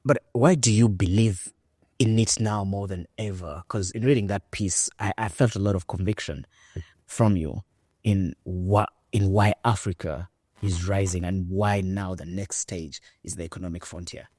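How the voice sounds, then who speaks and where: A man from Rwanda hosting a podcast interview, talking in an emphatic, lively way with many fillers. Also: low voice, moderate pace, dry recording, studio quality. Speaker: podcast host. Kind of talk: conversational interview.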